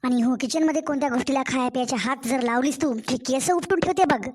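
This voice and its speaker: A woman's voice: high-pitched, quick pace, a little hiss or hum, close to an everyday voice. A woman voicing a harsh, scolding middle-aged mother-in-law in a cartoon story. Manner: scolding, insulting.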